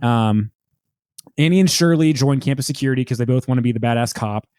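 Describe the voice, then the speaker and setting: A man co-hosts a casual podcast, recapping a sitcom episode in an everyday voice. He often leaps up into a high register to quote the characters. The sound is close and dry, with no room echo. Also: brisk, smooth. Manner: animated, jumps into high pitch to quote lines. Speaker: podcast co-host.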